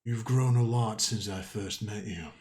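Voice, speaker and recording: A man voicing a large, powerful lightning being in a tabletop game, with a deep rumbling, measured and solemn voice. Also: darkish tone, close to an everyday voice. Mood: mildly chiding. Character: large hooded lightning being, calm, powerful, mildly chiding.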